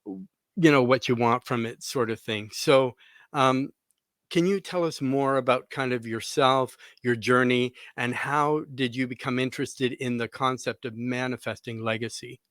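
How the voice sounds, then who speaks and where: A male podcast host introduces his show and asks his guest questions in an upbeat, chatty way that rambles a bit with fillers. His voice sits at a middle pitch. The recording is dry and close, with no room echo. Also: steady tone, normal speed, fairly bright tone. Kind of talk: casual podcast interview.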